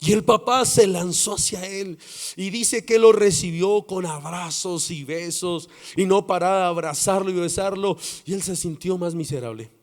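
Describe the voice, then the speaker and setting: A man with a Colombian accent preaching a sermon as pastor, dramatic and swinging between loud passages and hushed ones. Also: high voice, moderate pace.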